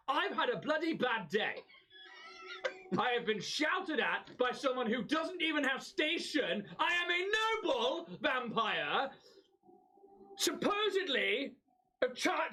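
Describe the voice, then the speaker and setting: A man's voice: high voice, wildly swooping pitch, fast, hardly any pauses, a bit bright, husky, pitched above the performer's own voice, full character voice, low-quality recording. A man voicing a haughty, petulant noble vampire in a tabletop game, exasperated and pompous. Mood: indignant. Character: indignant, haughty noble vampire having a bad day.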